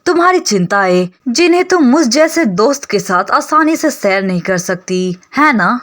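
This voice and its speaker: A clueless young nobleman speaks in a recap of a comic story, read out by a woman. The voice stays fairly high and lively. He sounds matter-of-fact and oblivious. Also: normal speed.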